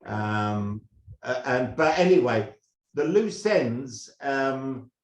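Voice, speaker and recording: A man's voice: medium pitch, expressive. Man, older, from England, former drummer, rambling restarts, echoey room. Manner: rambling, halting, with many restarts. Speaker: guest, former band drummer. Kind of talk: casual interview storytelling. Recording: roomy echo.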